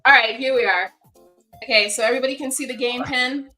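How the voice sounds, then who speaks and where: A woman's voice: high-pitched, fairly even intonation, fast, pushed and bright, faint music behind. A woman co-hosting a casual livestream, chatty and self-deprecating, laughing easily. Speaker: co-host.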